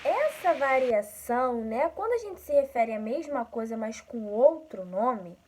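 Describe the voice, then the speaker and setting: A woman from Rio de Janeiro with a Carioca accent, teaching a school lesson slowly and patiently, often checking in with her listeners. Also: on the high side, very animated, darkish tone, rough recording. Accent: Carioca Brazilian Portuguese. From Rio de Janeiro, Brazil.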